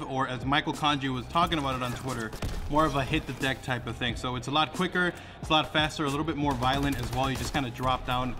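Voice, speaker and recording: A young man giving a casual, rambling gaming commentary full of fillers. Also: on the high side. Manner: loose, rambling with many fillers. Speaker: gaming YouTuber. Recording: music playing behind.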